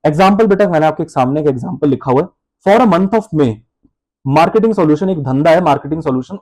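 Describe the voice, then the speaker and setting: Animated high-voiced teacher. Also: male voice. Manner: animated, addresses students as beta, plays student answers himself. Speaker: accounting teacher. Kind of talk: classroom lecture.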